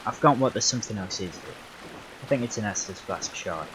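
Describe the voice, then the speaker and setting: A man's voice: fairly low pitch, fast, noisy background. A young man giving casual, rambling commentary on his livestreamed gameplay, correcting himself often with plenty of fillers. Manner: relaxed, rambling, self-correcting with many fillers. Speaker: livestreaming gamer.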